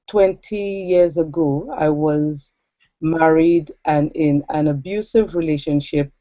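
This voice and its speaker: Here an interview guest, a woman from Trinidad in her forties, recounts her personal story earnestly and thoughtfully, with pauses and filler words. Her low, dark voice carries no room sound, and the lo-fi recording is dull.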